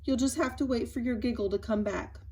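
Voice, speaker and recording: A woman's voice: a little high, fairly quick, mellow, slightly rough. A woman voicing a kindly little male doctor in a storybook, thoughtful and matter-of-fact.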